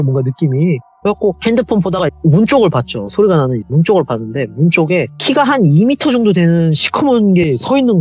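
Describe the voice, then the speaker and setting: A man telling a true horror story as a guest, animated and acting out the voices of the people in it. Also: sits high, breathy edge, muffled recording. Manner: animated, acts out quoted voices.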